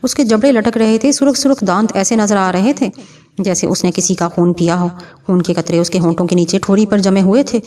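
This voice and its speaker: A woman reading a horror audio novel aloud in a steady, even storytelling manner, her voice a little distant from the mic. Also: medium pitch. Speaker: audiobook narrator. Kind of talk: scripted horror novel narration.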